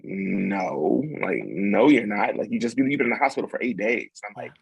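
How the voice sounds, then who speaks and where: A young man, a podcast guest, telling a story in a relaxed, rambling way with plenty of fillers and restarts. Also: fairly low pitch, moderate pace, creaky, husky, dry recording, low-quality recording. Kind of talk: casual storytelling.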